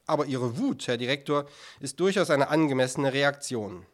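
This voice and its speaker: A man reading an audiobook, voicing a calm, detached male avant-garde artist. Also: mid-range voice, normal speed, natural voice. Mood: aloof. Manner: cool, detached. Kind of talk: audiobook character voice.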